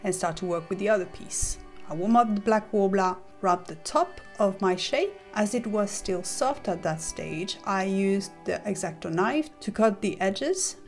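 Calm woman narrating a craft tutorial. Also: mid-range voice, unhurried, few pauses, faint music behind. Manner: calm, methodical, practical explanation. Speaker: model maker explaining her build. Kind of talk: step-by-step tutorial voice-over.

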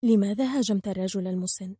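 A woman's voice: medium pitch, fast talker, warm tone, breathy edge, no room sound, clean studio sound, natural voice. A woman voicing a kind-hearted, outspoken young girl who is firm yet tender. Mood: gentle.

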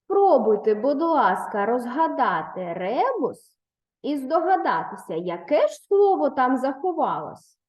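A woman's voice: high-pitched, very animated, a little slow, darkish tone. A woman teaching a primary school lesson to young pupils, patient and encouraging, praising answers and prompting the next step. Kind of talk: online lesson for third graders. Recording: roomy echo.

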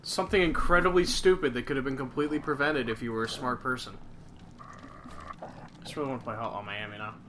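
A man's voice: mid-range voice, fast talker, noisy background. A young man hosting a horror game playthrough, casually commenting, reading notes aloud and getting snarky and exasperated. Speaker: host playing a horror game.

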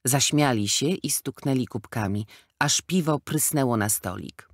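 A man reading a children's audiobook in steady scripted narration, at a middle pitch. The studio sound is dry and close, with no room around the voice. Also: a little slow, no room sound. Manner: even, storytelling.

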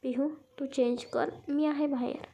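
A woman voicing a patient, caring young man who coaxes and gently scolds. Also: sits high, fairly even intonation, unhurried, creaky. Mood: coaxing.

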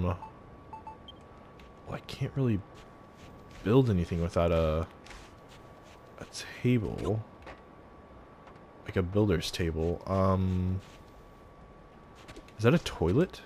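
A man casually commenting on his gameplay, relaxed and thinking aloud with fillers. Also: deep voice, a little hiss or hum. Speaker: gameplay video host.

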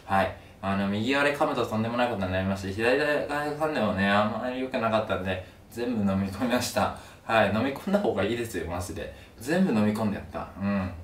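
A young man talks casually to camera with a sore mouth after wisdom tooth surgery. His voice is on the low side and moves quickly. The mic sits at a distance in a room. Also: expressive. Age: young adult. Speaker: video creator. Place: small room at home, indoors. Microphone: camera a few steps away. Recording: roomy, distant mic, some noise.

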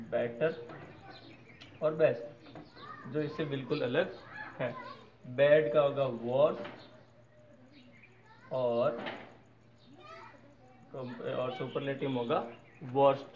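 A man teaching English grammar, spelling out word endings and often checking that his viewers follow. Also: a little high. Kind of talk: explaining grammar lesson. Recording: slightly dull recording with faint noise.

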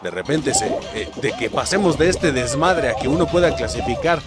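A young Mexican man giving loud, profane, excited commentary over his own gameplay, often yelping and laughing. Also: on the high side, normal speed. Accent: Mexican Spanish. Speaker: gaming YouTuber. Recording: game music behind.

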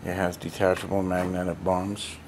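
Older male collector for a casual home vlog: deep, rambling, lists things one after another; noisy handheld camera sound in a basement. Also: monotone, moderate pace. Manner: rambling, chatty, listing items one by one. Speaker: collector showing his hoard. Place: cluttered basement storage room. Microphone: handheld camera mic.

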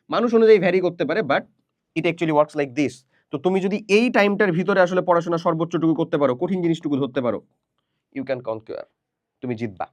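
A man's voice: on the high side, a little mellow, dry recording. A young man teaching study tips in a casual, chatty lesson, talking straight to students, asking them questions and mixing in English phrases. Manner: explains and asks the listener questions.

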